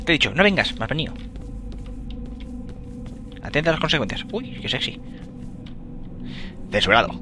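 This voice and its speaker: A young man with a Spain Spanish accent giving let's play commentary, excitable, swearing and yelling at enemies as he plays. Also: a little high, fast, long pauses, over music. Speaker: gamer.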